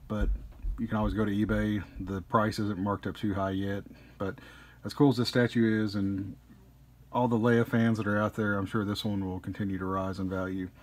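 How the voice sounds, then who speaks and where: A man casually reviewing a collectible statue at a table indoors, easygoing, with frequent pauses. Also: fairly low pitch, darkish tone.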